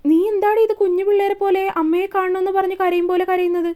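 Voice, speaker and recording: A brusque young man, curt and scolding yet protective, as a woman reads him aloud. The voice stays high and light for a man. He clips his words short and hard. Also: little pitch movement, fast talker, mellow. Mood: firm.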